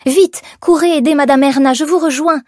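A woman voices a fiery young seamstress with urgent, sharp, indignant cries, pitched above her own voice yet close to an everyday sound. Her high voice keeps fairly even intonation at a moderate pace, captured in a dry, clean studio recording.

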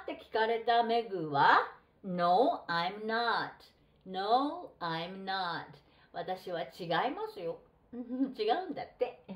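A middle-aged woman teaching a textbook English lesson, reading model phrases slowly and deliberately. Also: a little high. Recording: roomy echo.

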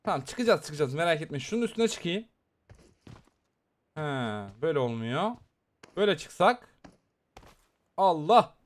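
A man giving excited, chatty live commentary on a mobile shooter game, talking straight to his viewers as he plays. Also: a little high, a little slow, long pauses, a little hiss or hum. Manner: excitable, chatty, talks to viewers while playing. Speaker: gaming YouTuber.

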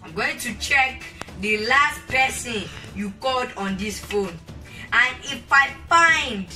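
A man's voice: very high voice, lively intonation, slow pace, sharp tone, far from the mic, faint music behind, exaggerated voice. A young teenage boy with a West African accent playing a stern, suspicious, melodramatic parent in a homemade comedy skit, scolding with threats and exclamations. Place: small bedroom indoors.

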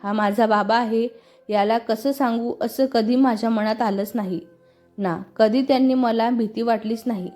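A woman's voice: fairly high pitch, steady tone, moderate pace, warm tone, faint music behind, natural voice. A woman voicing a young woman who tenderly confides her grief over her late father, in a storybook reading. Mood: grieving. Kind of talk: storybook dialogue.

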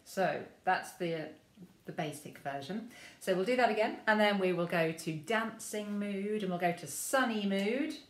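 An English woman leading a memory choir through gentle vocal warm-ups, speaking softly and encouragingly with frequent ums. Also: medium pitch, lively intonation, a little slow, hardly any pauses, echoey room, over music. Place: room at home with rain on the window.

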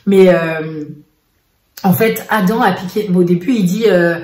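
A woman vlogger and mother in casual chat to a face camera, telling a family story in an animated way with lots of fillers. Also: lowish voice, measured pace. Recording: echoey room.

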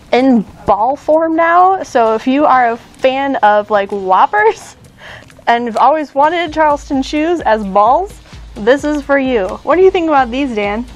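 A woman's voice: sits high, lively intonation, slow. A woman in her thirties hosting a casual candy shop chat, upbeat and chatty with fillers and small laughs.

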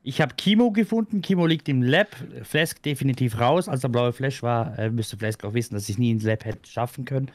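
A man's voice: mid-range voice, a little fast, few pauses, no echo. A man in casual voice chat during a social deduction game, laying out what happened step by step to defend himself. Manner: lays out events step by step, defensive. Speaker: game player.

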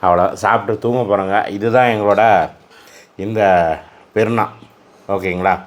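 A man's voice: lowish voice, steady tone, normal speed. A man hosting a casual family vlog, talking glumly straight to his viewers. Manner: glum, talks straight to viewers, sings a sad song a few times. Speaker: family vlogger.

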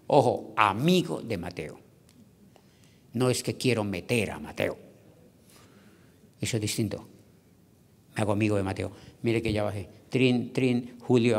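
A man giving an energetic motivational business talk, acting out little dialogues with loud bursts. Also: lowish voice. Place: large convention hall. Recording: long hall reverb.

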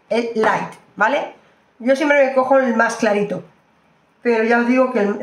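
A woman's voice: fairly high pitch, reverberant. A woman doing a casual makeup review, chatty and exclamatory, often repeating her phrases. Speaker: beauty vlogger.

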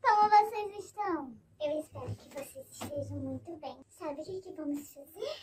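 A woman's voice: sits high, normal speed, background noise. Woman through a childlike voice changer. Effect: voice changer making her sound like a child. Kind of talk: cleaning video addressing viewers. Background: music.

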